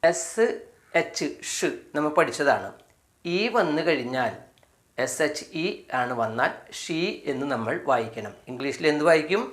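A male teacher with a Malayali accent and a medium-pitched voice gives a spoken phonics lesson for beginners, taking English words one step at a time. He speaks slowly, repeats each item, and poses questions that he then answers himself.

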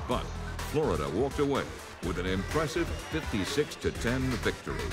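A man reading scripted narration for a sports season highlight film. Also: sing-song, normal speed. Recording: loud music under the narration. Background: loud music.

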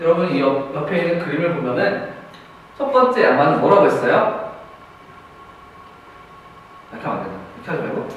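Man, teacher, questions and praises students, very reverberant classroom, distant mic, faint background noise. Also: fairly high pitch.

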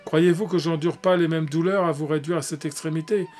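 A man reading the part of an honorable, torn young man who speaks earnestly and gravely to his brother. Faint music plays behind him. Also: on the high side, fairly even intonation, fairly quick, darkish tone, lightly acted.

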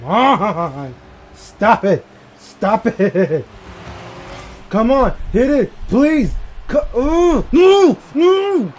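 A man giving live commentary while playing a game, swearing freely and shouting short reactions at his teammates. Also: sits high, big pitch swings, extremely slow, pauses often, a little hiss or hum. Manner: profane, exasperated outbursts at teammates. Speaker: gamer.

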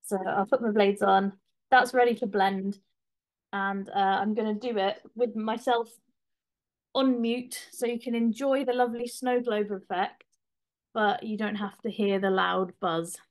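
Woman presenter, mid-pitched, casual and chatty, speaking over a laptop mic at home for a webinar. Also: steady tone, a little slow. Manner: chatty, informal, with fillers and restarts. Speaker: craft presenter. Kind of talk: live webinar demonstration.

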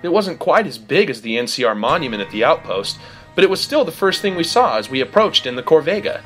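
A man narrating a first-person audiobook in a lively, expressive way. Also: a little high, brisk, soft background music.

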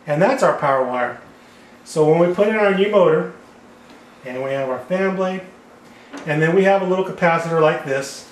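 An HVAC repair instructor with a fairly high voice speaks at normal speed with long pauses, explaining wiring step by step while drawing on a whiteboard. He's at a whiteboard table in an indoor room, filmed from above, and the echoey recording has a little hiss or hum.

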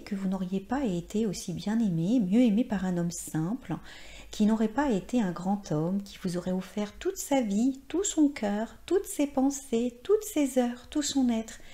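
A woman reads aloud as an earnest male admirer, gently questioning and pleading. Her tone is mellow and warm, with a middle pitch for a woman, in a read-aloud short story. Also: lively intonation, moderate pace, close to an everyday voice. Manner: earnest, coaxing.

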